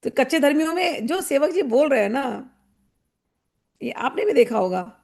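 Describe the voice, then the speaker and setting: A woman spiritual teacher giving a devotional discourse, wry and animated, who acts out the people she describes. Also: high voice, moderate pace. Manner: wry, mocking.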